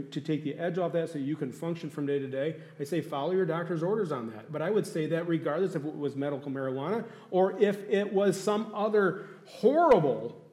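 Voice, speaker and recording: A man preaches with a somewhat high, slightly mellow voice, keeping his sermon conversational and regularly questioning his congregation, all in an echoey space.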